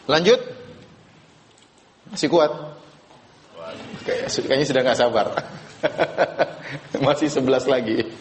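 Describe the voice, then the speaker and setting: A man's voice: medium pitch, takes it slowly, pauses often, slight background noise. A man preaching a religious lecture to a live audience, casual and joking, quizzing the listeners. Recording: echoey room.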